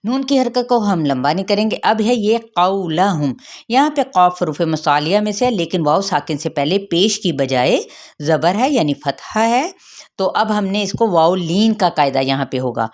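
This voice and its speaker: A woman with a fairly low voice leads a recitation class. She chants verses in slow, drawn-out phrases, then breaks them down sound by sound, posing questions and answering them in a patient teaching manner. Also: expressive, a little mellow. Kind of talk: tajweed lesson with recitation.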